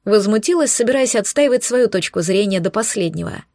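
A woman narrating a fantasy audiobook in the first person with a lively, expressive reading. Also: mid-range voice, brisk, no echo, studio quality.

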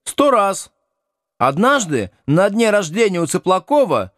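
A man's voice: high voice, big pitch swings, measured pace, a bit bright, no echo, clean studio sound, pitched above the performer's own voice, heavily acted. A man voicing a pushy, chatty teenage girl in an audiobook. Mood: brash.

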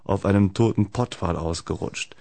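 Guy voicing a talkative big x-ray nurse, deep dry voice. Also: normal speed, creaky, dark tone, no echo. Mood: chatty. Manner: talkative, tops every story. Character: chatty sturdy female X-ray nurse.

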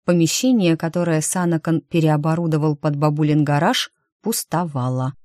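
A woman narrates a first-person fantasy novel in a low, measured voice. Her reading is steady and clear. The recording is dry and close to the mic. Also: dry recording. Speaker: audiobook narrator.

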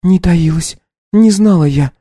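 A man voicing a terrified young countess in a high, pleading, tearful voice, audiobook style. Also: unhurried, dark tone, breathy edge, dry recording, studio quality. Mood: shaken.

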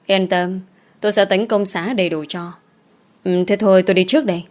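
A woman's voice: medium pitch, steady tone, brisk, a little mellow, lightly acted. A woman voicing a sly old rich village landlord in a storybook reading, offhand and patronizing.

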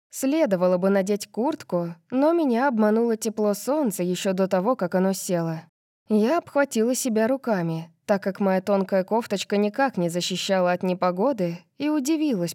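A woman narrating a first-person fantasy audiobook in a steady, measured way. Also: mid-range voice, dry recording, clean studio sound.

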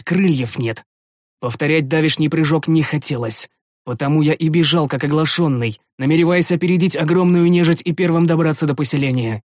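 A man's voice: on the high side, darkish tone, no echo. A man narrating a fantasy audiobook in the first person, tense and dramatic, recorded on a studio microphone.

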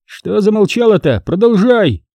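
A cocky, power-drunk young man, as a male reader puts him on in an audiobook crime story. He sneers and talks down to everyone in a raised, lively voice. Close, dry sound. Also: high-pitched, normal speed, gravelly, no room sound, pitched above the performer's own voice, heavily acted. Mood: sneering. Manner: sneering, condescending. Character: arrogant mocking male student, power-drunk, giggling.

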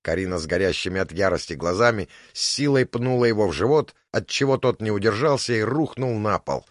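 A man with a fairly low voice reads a story aloud, his pitch rising and falling expressively. The sound is dry and close to the mic. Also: animated, a little fast, no echo. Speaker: audiobook narrator. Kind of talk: scripted narration.

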